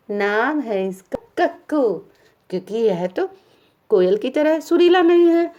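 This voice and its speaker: Warm, patient woman teaching little children. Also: fairly high pitch. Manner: patient, asks children questions and answers them herself; mixes English phrases into Hindi. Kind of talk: Hindi lesson for young children, reading and explaining a poem.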